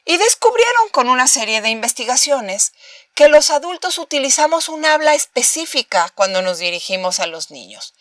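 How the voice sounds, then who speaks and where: This is a recorded university master class given by a woman with a Mexican Spanish accent, her voice medium in pitch and fairly bright. She explains through rhetorical questions and acts out brief examples of speaking to babies, captured in dry studio quality.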